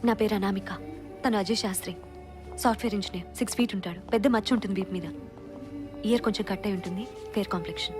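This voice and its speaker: A woman's voice: mid-range voice, fairly even intonation, quick pace, music in the background, natural voice. An actress playing a determined young wife who reports her missing husband, insistent and pleading in dubbed film dialogue. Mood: earnest. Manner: insistent, pleading, rising to indignant.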